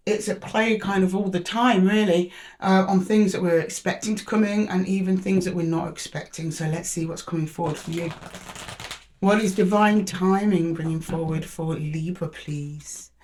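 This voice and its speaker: A woman with a croaky voice hosting a casual tarot reading, chatty and speaking familiarly to her listeners. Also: lowish voice, a little mellow, slight background noise, poor audio. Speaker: tarot reader and channel host.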